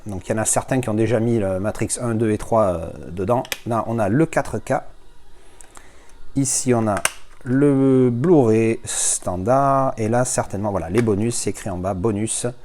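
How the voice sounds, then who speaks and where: A man's voice: lowish voice, normal speed, mellow. A man giving casual unboxing commentary, chatty and hesitant, with many fillers and restarts. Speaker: video host unboxing a film edition.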